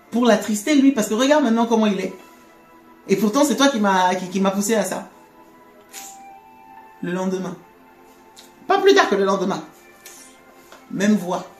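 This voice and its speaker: A woman giving a conversational faith testimony, animated, laughing often and repeating words. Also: medium pitch. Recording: echoey room with faint music.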